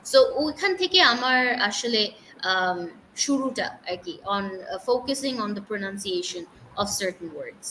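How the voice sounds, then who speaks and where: A woman's voice: medium pitch, expressive, slow pace, few pauses, bright, forceful tone, slight background noise, low-quality recording. A woman from Bangladesh, an English teacher, talking casually in an interview with many fillers and restarts. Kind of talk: casual interview talk, mixing English and Bengali.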